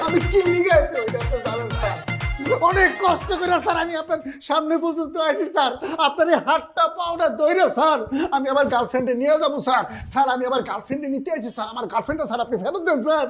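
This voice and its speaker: An actor playing a desperate young rickshaw puller who begs and whines, speaking in a TV drama with loud music under the dialogue. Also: male voice, very high voice, racing, few pauses. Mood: pleading. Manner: whiny, pleading, keeps saying "sir". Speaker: rickshaw puller begging for his girlfriend. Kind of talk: TV drama acting.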